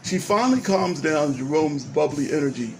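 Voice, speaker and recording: A man with a fairly high voice tells a story, turning to address the listener directly with questions. Soft guitar music plays quietly behind him throughout. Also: animated, normal speed. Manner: talks straight to the listener, asks questions. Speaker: narrator. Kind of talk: storytelling narration. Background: faint guitar music.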